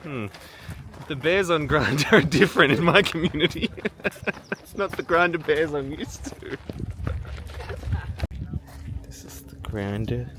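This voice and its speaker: A man's voice: a little high, animated, measured pace, pauses often, fairly bright tone. A man vlogging while walking outdoors through a mountain park, chatty and joking, laughing often. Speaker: travel vlogger. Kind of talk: casual vlog commentary. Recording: outdoor noise behind.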